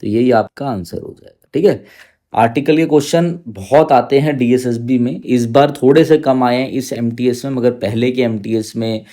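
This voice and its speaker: A man gives an exam-prep grammar lesson in a warm, dark-toned voice. He explains patiently, step by step, repeating short check-ins as he goes. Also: medium pitch, moderate pace. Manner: repeats "thik hai" constantly, explaining step by step. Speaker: teacher.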